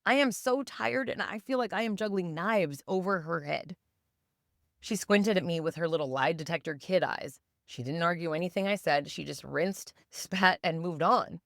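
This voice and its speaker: A woman's voice: on the low side, moderate pace, a bit bright, no echo, studio quality. A woman in her thirties hosting a podcast, telling a candid personal story in a raw, self-deprecating, confessional way. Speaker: podcast host.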